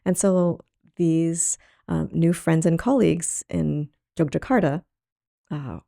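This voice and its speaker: A middle-aged woman from Thailand speaks as a guest in an interview, her low voice thick with gravelly fry. She talks in a reflective, halting way, circling back to find the right word. The sound is dark and dry. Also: no room sound. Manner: thoughtful, halting, laughs easily. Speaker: artist guest.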